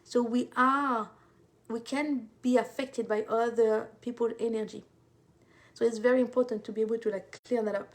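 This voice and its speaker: A woman's voice: on the high side, fairly even intonation, normal speed. Chatty French-accented woman coach. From France. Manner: chatty, many fillers and repeated words. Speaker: intuitive life coach. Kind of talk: casual talk to viewers.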